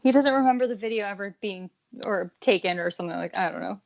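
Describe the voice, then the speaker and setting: A woman chatting casually as a podcast guest. She talks with animated, giggly energy and often restarts her words. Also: medium pitch, fast talker, gravelly, dry recording. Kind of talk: casual chat.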